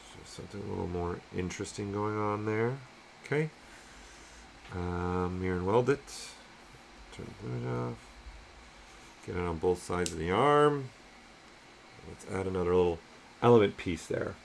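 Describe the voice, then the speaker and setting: A man's voice: low voice, measured pace, gravelly, long pauses, slight background noise. A man streaming his 3D sculpting work, muttering half-finished thoughts aloud as he works and answers chat.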